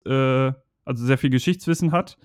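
A man's voice: medium pitch, normal speed, clear, resonant tone, no echo, clean studio sound. A man chatting casually on a podcast about a video game, talking in a rambling, hesitant way with many fillers.

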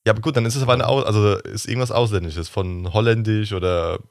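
A man's voice: on the low side, steady tone, fast, creaky, no echo, clean studio sound. A man in a casual group chat, talking in rambling restarts and sounding puzzled.

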